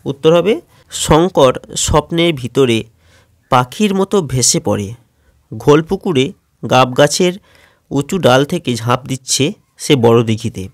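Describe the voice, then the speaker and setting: A Bengali-accented man talks schoolchildren through a lesson one question at a time. He reads out each question and then answers it in a steady, methodical way. His voice sits at a medium pitch, and the recording is close and dry. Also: a little slow, pauses often, dry recording. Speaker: teacher.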